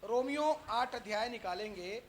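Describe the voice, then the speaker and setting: Before a live congregation, a man preaches in a voice that sits high, with slight background noise present. He fires rhetorical questions, adds a quick "right?" to nearly every point, and swings between loud calls and quieter asides.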